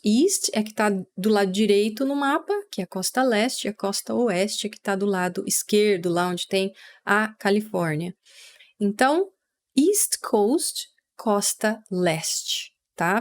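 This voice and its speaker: A Brazilian woman teaching English vocabulary, patiently explaining and repeating words slowly for pronunciation. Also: mid-range voice. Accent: Brazilian Portuguese.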